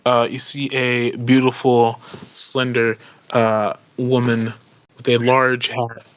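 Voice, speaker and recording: A man's voice: medium pitch, flat delivery, takes it slowly, a bit bright, clear, resonant tone, highs cut off. A man narrating as game master of a tabletop role-playing game, hesitant with many ums and uhs.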